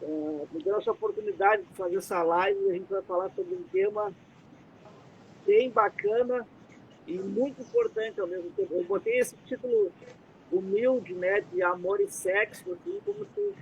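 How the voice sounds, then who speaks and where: High, gravelly Brazilian man on muffled audio. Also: sing-song, moderate pace. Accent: Brazilian Portuguese. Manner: rambling, warm-hearted, with many fillers. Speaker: live stream host. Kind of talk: casual live stream chat. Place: dim room at home. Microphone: computer mic, headset removed. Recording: muffled lo-fi audio with faint rumble.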